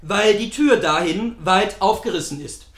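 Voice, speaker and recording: A man's voice: high voice, a little slow, a bit bright. Pompous lecturing professor, read by a man. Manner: lecturing, self-assured. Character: secretive, pompous male professor.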